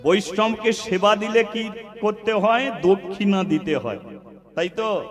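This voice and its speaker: High-voiced man preaching in a reverberant hall. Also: unhurried. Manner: preaching to a seated audience, half-sung phrases. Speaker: kirtan singer and preacher. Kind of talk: devotional sermon with storytelling. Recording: long hall reverb with music. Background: instrumental music.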